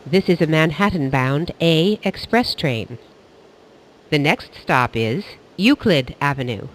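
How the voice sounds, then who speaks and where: A man reading scripted train announcements in a formal, measured public-announcement manner, like an airport announcer. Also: fairly high pitch, lively intonation, a bit bright.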